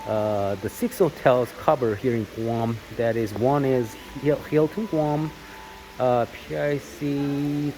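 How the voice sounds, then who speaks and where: A South Korean-born vlogger whose first language is Korean talks casually to the camera, rambling with lots of fillers, restarts, and self-corrections. His voice is medium-pitched, and the rough recording has steady rain noise behind it.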